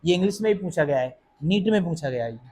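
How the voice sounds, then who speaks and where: A man's voice: a little high, animated, fast, darkish tone, a little hiss or hum. A male chemistry teacher with a Hindi accent lecturing a class. He keeps asking questions and answering them himself, and reassures students that it is not hard.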